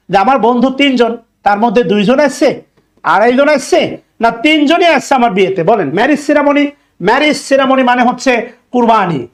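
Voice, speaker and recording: A man with a Bangladeshi Bengali accent leads an exam-prep grammar lesson. His voice sits very high. He repeats each key word, throws in jokes and keeps asking whether his students follow. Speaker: English grammar teacher.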